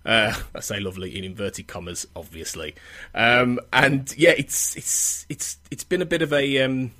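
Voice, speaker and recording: A man with an English Midlands accent hosting a casual podcast discussion in a hesitant, halting way. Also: medium pitch, bright, forceful tone. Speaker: podcast host.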